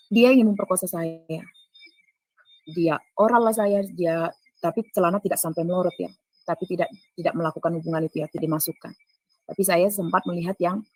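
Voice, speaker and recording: A woman's voice: fairly low pitch, fairly even intonation, moderate pace, long pauses, a little mellow, no room sound, rough recording. A woman giving an earnest spoken testimony. She addresses her listeners directly and acts out the dialogue she quotes. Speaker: testifying speaker.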